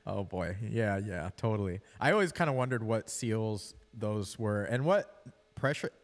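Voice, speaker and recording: A man's voice: on the low side, animated, unhurried. Laid-back man with a reverb-heavy room mic. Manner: laid-back, loose and joking. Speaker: host. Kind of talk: casual call-in interview test.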